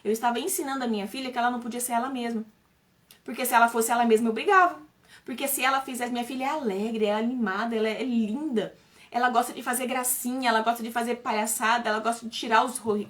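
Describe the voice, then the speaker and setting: A woman's voice: a little high, a bit bright. A woman in her thirties speaking to viewers on a live stream, earnest and urgent, often restarting and repeating herself. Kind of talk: emotional personal talk to viewers.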